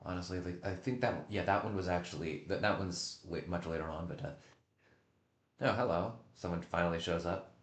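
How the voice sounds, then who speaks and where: Man, very low voice, casual livestream commentary, halting delivery, repeated words, roomy echo. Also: fairly even intonation. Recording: echoey room.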